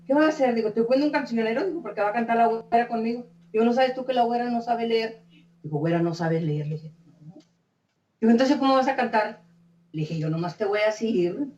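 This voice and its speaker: A woman's voice: fairly high pitch, a little mellow, dull audio. An older woman singer, telling stories in a chatty, folksy way full of "¿eh?" tags. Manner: chatty, folksy, frequent "¿eh?" tags and repeated words. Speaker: singer being interviewed. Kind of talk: warm, rambling storytelling interview. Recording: echoey room, voice from a distance, faint hum.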